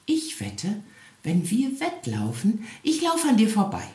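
A woman voicing a sly, stubborn little male hedgehog in a storybook reading, brisk and bossy. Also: huge pitch swings, dark tone. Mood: challenging. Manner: brisk and bossy, higher than the narration. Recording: echoey room.

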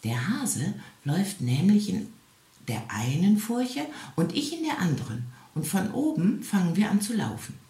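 A woman voicing a sly, stubborn little male hedgehog in a storybook reading, brisk and bossy. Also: big pitch swings, warm tone. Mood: scheming. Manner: brisk and bossy, higher than the narration. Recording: echoey room.

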